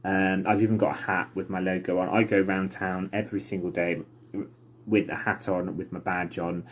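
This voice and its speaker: A man's voice: deep voice, flat delivery, normal speed, slight background noise. A man giving an informal, earnest video message, speaking a little hesitantly. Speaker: podcaster and awareness campaigner.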